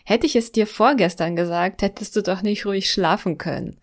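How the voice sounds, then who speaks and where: Calm, teasing male driving instructor, as a woman narrator quotes him; plain, unforced voice. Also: sits high, fairly quick, vocal fry.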